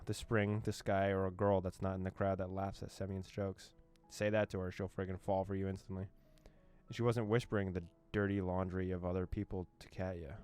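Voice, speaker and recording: A young man with a low, darkish voice, a gaming YouTuber, works through a visual novel by reading and translating its lines aloud, joking playfully and laughing often along the way.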